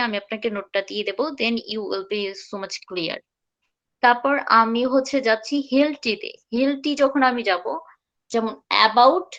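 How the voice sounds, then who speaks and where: A woman teaching English pronunciation in an online live class, patiently repeating words slowly and mixing in English phrases. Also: on the high side, a bit bright, lo-fi sound.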